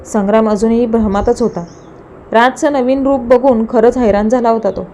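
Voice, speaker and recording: A woman narrating a serialized romance story in a calm, expressive manner. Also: on the high side, normal speed, a little hiss or hum. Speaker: audiobook narrator.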